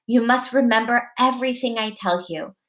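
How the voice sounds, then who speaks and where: Old grandmother figure, witchy, slow and grave, played by a mom reading aloud; bright tense tone, echoey room. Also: on the high side, close to an everyday voice. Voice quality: witchy-sounding. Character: elderly Norwegian grandmother, stern and solemn.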